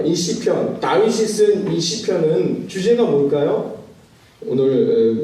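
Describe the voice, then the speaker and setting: A male pastor preaching a sermon, pausing often and putting questions to his congregation. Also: fairly high pitch, mellow. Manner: measured, with frequent "uh" pauses. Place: church sanctuary. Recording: very echoey church hall, mic at a distance.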